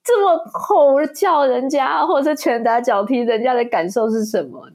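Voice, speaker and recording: A woman's voice: high-pitched, normal speed, a little mellow. A woman hosting a podcast in casual chat, agreeing with her guest and finishing her thoughts. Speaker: podcast host.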